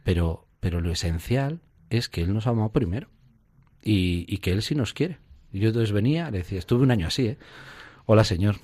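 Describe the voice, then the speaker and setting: A man's voice: lowish voice, lively intonation, brisk, warm tone, breathy edge, no room sound. A man, a priest, telling his spiritual experiences in an interview, acting out scenes with little sound effects and quoted voices. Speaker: priest guest. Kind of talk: reflective spiritual conversation.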